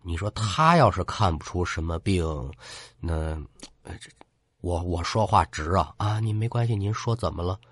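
A man voicing a cautious innkeeper who stammers and speaks in a hushed, confiding way. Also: sits low, lively intonation, normal speed, breathy edge, no room sound, voice pushed down. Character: hesitant, cautious middle-aged male innkeeper.

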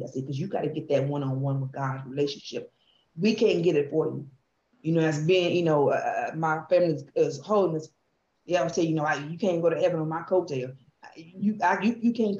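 A woman's voice: deep voice, a little mellow. A woman host sharing a heartfelt faith testimony in an earnest, emphatic storytelling way. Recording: echoey, dull room sound.

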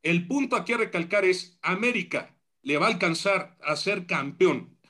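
Male pundit, high and bright voice, emphatic, measured delivery. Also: animated. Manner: measured, emphatic, calls opponent by name. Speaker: sports pundit. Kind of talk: heated studio debate.

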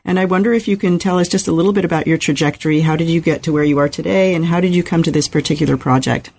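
A woman's voice: low-pitched, very fast, gravelly, darkish tone. A woman hosting a book podcast, reading a scripted introduction and asking questions politely with hesitant fillers. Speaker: podcast host.

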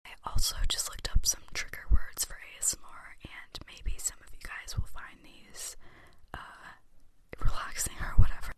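A young woman hosting a podcast, whispering close to the mic in a casual, self-deprecating gossip style with lots of filler words. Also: moderate pace. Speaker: podcast host. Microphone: close studio mic, tapped at times.

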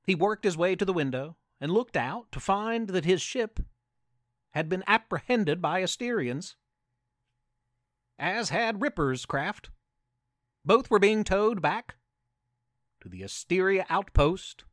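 A man narrating a space adventure story with an animated, playful manner and asides to the listener. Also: high voice, slow, long pauses, no echo, studio quality.

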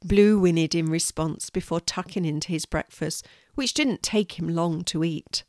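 Older grandma reading a kids story, lowish voice, gentle, dry close sound. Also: female voice, normal speed, dry recording.

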